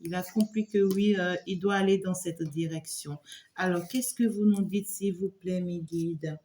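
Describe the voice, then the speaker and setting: A woman's voice: on the low side, fairly even intonation, measured pace, mellow, echoey room, slight background noise. A woman doing a spoken tarot reading for the viewer, rambling with lots of filler words and often checking that the listener follows. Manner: loose and rambling, full of filler words and repeated "here". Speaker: tarot reader and medium.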